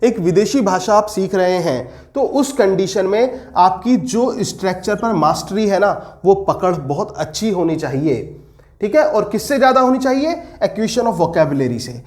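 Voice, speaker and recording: Man, exam-prep lecture, high voice, lively swooping pitch. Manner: animated, slows to dictate English definitions, rhetorical questions to students. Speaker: teacher.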